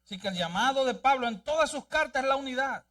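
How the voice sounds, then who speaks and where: A man's voice: extremely high pitch, animated, quick pace, a bit bright, recorded from a distance. A male pastor preaching a sermon and reading scripture aloud in a church, with an emphatic delivery. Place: church sanctuary.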